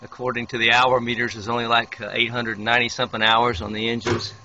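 A man with a medium-pitched, monotone voice talks fast over a noisy background, casually narrating as he films a walk-through of a yacht's small wood-paneled cabins. He rambles, using fillers and restarting sentences, like a guide shooting a boat tour. The handheld camera mic gives dull, lo-fi camcorder sound.

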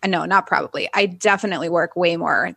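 Chatty woman guest with a lowish voice. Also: quick pace, gravelly, fairly bright tone, breathy edge, no room sound. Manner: chatty and upbeat, laughs at herself. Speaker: wedding photographer and business owner, podcast guest. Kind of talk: conversational interview.

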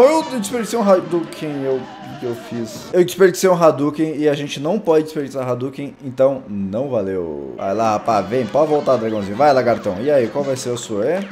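A young man with a Brazilian Portuguese accent, excitedly commentating his own gameplay, yelping and exclaiming at every hit. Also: a little high, a little fast, few pauses. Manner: excitable, yelps and exclaims constantly, self-mocking. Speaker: gaming channel host. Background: faint game music.

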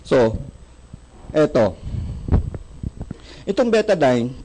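Lively Filipino man quizzing a crowd. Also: on the high side, drawn-out words, slight background noise, rough recording. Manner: asks the audience questions and answers them himself, joking, mixes English in. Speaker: product presenter. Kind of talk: sales seminar talk to a live audience.

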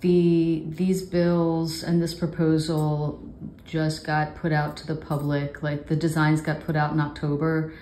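Low-voiced woman interviewer, roomy sound. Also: completely flat delivery, a little slow, dark tone. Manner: casual, filler-heavy phrasing. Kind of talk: casual interview questions.

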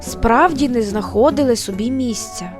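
A woman narrating an audio fairy tale in a gentle storytelling manner. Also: fairly high pitch, moderate pace, music in the background.

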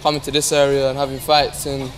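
A man's voice: medium pitch, monotone, brisk, a little hiss or hum. A teenage boy answering interview questions casually outdoors on an estate. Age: teens. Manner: casual, chatty with fillers. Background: background music.

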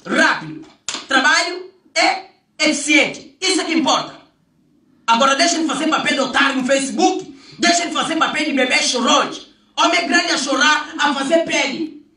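High-voiced ranting man, echoey room. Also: normal speed, bright, forceful tone. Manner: emphatic, mocking, repeats rhetorical questions. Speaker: vlogger. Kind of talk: ranting monologue. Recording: echoey room, far from the mic.

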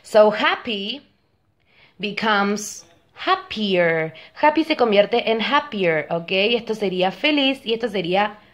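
A woman's voice: mid-range voice, expressive. Patient bilingual woman teaching grammar. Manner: patient, explains slowly, often checks with "ok?". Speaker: English teacher.

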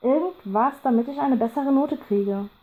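A woman's voice: high voice, normal speed, dark tone, natural voice, poor audio. A woman voicing a desperate, furious teenage schoolgirl who pleads and then turns bitter and hateful. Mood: pleading.

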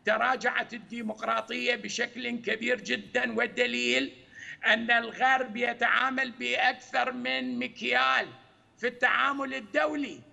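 A man, an economics expert guest on a news panel, giving lecturing, argumentative commentary in a gravelly voice. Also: very high voice, fairly even intonation, moderate pace, sharp tone, in a large hall. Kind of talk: analytical commentary.

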